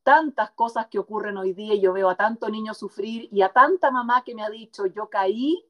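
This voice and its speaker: A woman's voice: medium pitch, moderate pace. A woman guest author speaking passionately and emphatically in an interview conversation.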